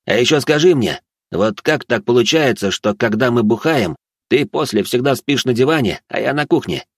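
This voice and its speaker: Narrator voicing a brash young man, loud blustering delivery, pitched above his own low voice. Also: expressive, normal speed, no room sound, studio quality. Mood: bossy. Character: brash young man, rowdy drinking buddy.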